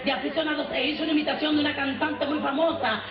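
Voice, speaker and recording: High, quick Cuban woman telling her story. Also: little pitch movement. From Santiago de Cuba. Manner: addresses listeners as brothers, folksy and emphatic. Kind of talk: first-person life storytelling. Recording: roomy, dull archival recording with music.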